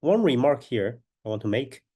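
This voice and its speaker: A man lecturing on a mathematical proof step by step, with a stuffy nose from a cold and a halting, deliberate delivery. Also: mid-range voice, big pitch swings, mellow, husky.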